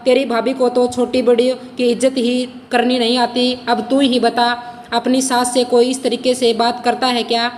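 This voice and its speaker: A woman's voice: fairly high pitch, level tone, normal speed, in a large hall, close to an everyday voice. A woman voicing a doting but complaining older mother in a storybook reading, with a fussy, grumbling manner. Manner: soothing, then grumbling.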